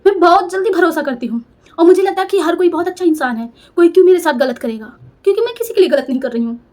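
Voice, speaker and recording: A woman's voice: very high voice, lively intonation, quick pace, darkish tone. A young woman telling a personal story in an emotional, confessional, self-reproaching way. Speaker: storyteller vlogger.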